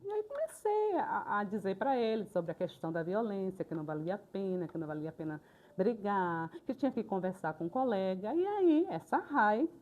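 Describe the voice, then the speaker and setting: An older woman, a retired teacher telling classroom stories in a lively, colloquial way for a documentary. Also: mid-range voice, brisk. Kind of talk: documentary interview storytelling. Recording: slightly dull, lo-fi sound.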